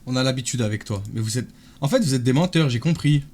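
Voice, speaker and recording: A man's voice: medium pitch, quick pace, darkish tone. A man streaming live, casually bantering and teasing his chat and friends.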